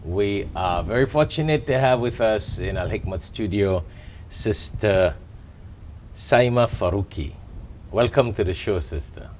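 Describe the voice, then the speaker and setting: Older male talk show host, lively pitch. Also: unhurried, a little hiss or hum. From Trinidad. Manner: welcoming, formal show-host delivery.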